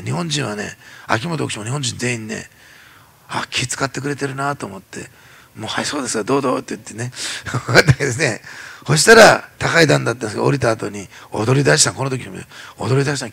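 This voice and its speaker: A man preaching in a church as pastor, telling stories in an animated way and acting out the people he quotes. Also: mid-range voice, vocal fry, breathy edge. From Japan. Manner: animated storytelling, acts out quoted voices. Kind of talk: sermon.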